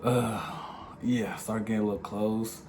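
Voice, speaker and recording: A man's voice: on the low side, fairly even intonation, measured pace, darkish tone. Young man, casual slangy storytelling, playful, faint background hiss. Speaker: vlog co-host.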